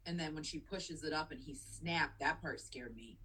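A woman's voice: deep voice, normal speed, bright, forceful tone, husky, rough recording. A woman co-hosting a podcast in casual movie chat, emotional and enthusiastic, swearing casually. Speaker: podcast co-host.

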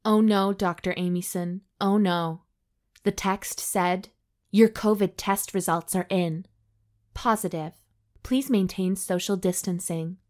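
Between bits of banter, this woman co-hosting a comedy podcast reads a story with deadpan, mock-serious delivery. She speaks at a medium pitch and at a slow pace.

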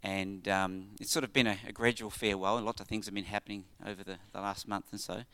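An Australian man giving an informal church tribute in a halting, conversational way, often checking in with his listeners. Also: fairly low pitch, level tone, pushed and bright, smooth.

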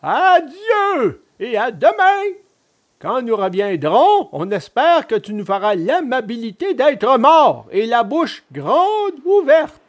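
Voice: high-pitched, huge pitch swings, slow pace, voice pushed up, heavily acted. A storybook reader voicing a pair of cruel male assassins, threatening and mocking their victim. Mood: sneering. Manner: threatening, sneering.

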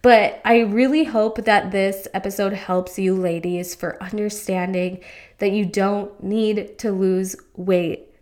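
A woman's voice: medium pitch, steady tone, slow pace, darkish tone. Chatty woman podcast host. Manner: chatty, rambling, upbeat. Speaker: podcast host and fitness coach. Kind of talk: casual podcast chat. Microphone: studio podcast mic.

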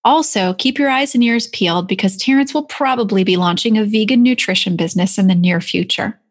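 A woman's voice: mid-range voice, brisk. A woman in her forties hosting a podcast as an executive coach, enthusiastic and effusive in her introductions and questions. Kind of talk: upbeat podcast interview.

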